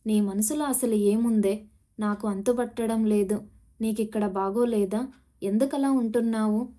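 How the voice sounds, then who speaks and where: A woman's voice: fairly high pitch, steady tone, measured pace, mellow. Woman reading as a firm, scolding mother. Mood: pleading. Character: stern worried mother, adult woman.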